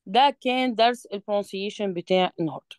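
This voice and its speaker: This one-on-one revision lesson features a woman tutoring a student in English with an Egyptian Arabic accent. Her voice is smooth and medium-pitched, recorded dry; she reads sentences with slow deliberation, explains with patience, and repeatedly makes sure she's been understood.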